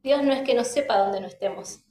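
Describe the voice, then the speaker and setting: A young woman with an Argentine accent preaches a sermon in a church hall, her somewhat high voice ringing off the walls. She speaks earnestly and keeps checking in with her listeners as she goes. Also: brisk, mellow, a little hiss or hum. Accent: Argentine Spanish.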